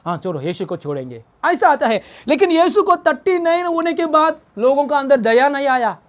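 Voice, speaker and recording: A pastor preaching a Good Friday sermon, questioning the congregation and repeating phrases for emphasis. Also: male voice, very high voice, very animated, moderate pace. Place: church service.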